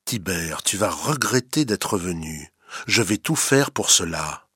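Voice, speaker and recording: A man's voice: big pitch swings, normal speed, sharp tone, dry recording, clean studio sound, exaggerated voice. A man voicing a sly, scheming male fox in a storybook reading, with a honeyed, mocking manner. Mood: muttering. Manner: honeyed, mocking, sometimes hissing low.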